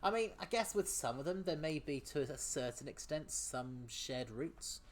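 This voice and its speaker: A man with a slightly high, animated voice keeps a moderate pace as he streams a game. Casual and chatty, he laughs a lot, reads out chat and stumbles over words now and then.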